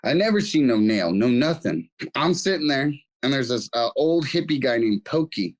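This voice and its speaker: A man guesting on a podcast, telling stories in animated, profane casual chat and acting out what others said. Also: mid-range voice, normal speed, low-quality recording. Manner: animated storytelling with acted quotes and swearing.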